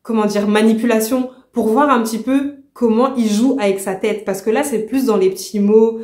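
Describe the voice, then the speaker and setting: A woman vlogger casually reviewing a book, indignant and animated, with slangy talk. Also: a little high, moderate pace. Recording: roomy echo.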